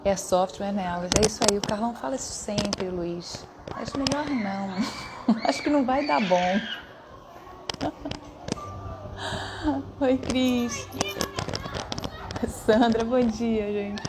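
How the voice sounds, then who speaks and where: A Brazilian woman chats through a casual live stream, greeting her viewers by name in an easy, friendly way. She talks into a phone camera at home, and a lot of noise from children shouting and playing outside carries into the recording. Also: a little high, slow, pauses often. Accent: Brazilian Portuguese. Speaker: livestream host. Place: home above a noisy schoolyard. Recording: noisy background of children shouting.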